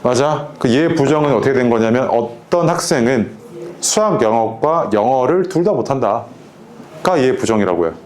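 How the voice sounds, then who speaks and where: Casual Korean math teacher checking in. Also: male voice, medium pitch, animated, normal speed, darkish tone, slight background noise. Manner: casual, keeps checking in with students. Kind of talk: lecture to students.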